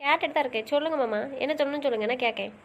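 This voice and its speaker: Actress for a young college girl, stubborn and pleading, rapid-fire delivery. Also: high-pitched, slight background noise. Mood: hurt. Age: young adult. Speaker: voice actor. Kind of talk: audio drama acting.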